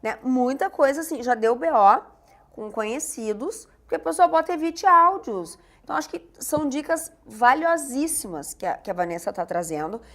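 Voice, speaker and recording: Woman host, animated and self-mocking, a bit high-pitched. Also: a little fast. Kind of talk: casual podcast chat.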